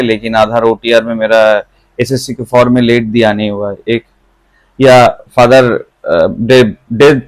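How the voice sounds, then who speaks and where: A man in his thirties coaches exam candidates in casual Hindi laced with English phrases, going over each point twice. His voice sits at an ordinary middle pitch. It is recorded close and dry, with no room sound. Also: no echo, rough recording. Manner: explanatory, mixes English into Hindi, repeats points.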